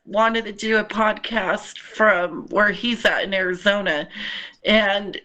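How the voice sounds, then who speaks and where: Giggly woman, slow and bubbly. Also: medium pitch, fairly even intonation, pushed and bright. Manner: giggly, bubbly, laughs often. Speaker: podcast guest. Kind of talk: casual chat. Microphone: video call.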